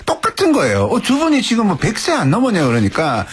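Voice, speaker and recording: A man on a talk show panel, explaining ideas and telling animated anecdotes. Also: high voice, quick pace, husky. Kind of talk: casual talk show chat.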